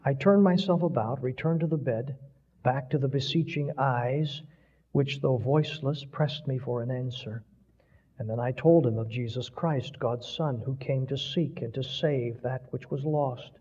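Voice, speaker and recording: A man preaching, telling a story in a slow, solemn voice. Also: mid-range voice, mellow, breathy edge. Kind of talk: sermon story reading. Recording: dull lo-fi recording with long hall reverb.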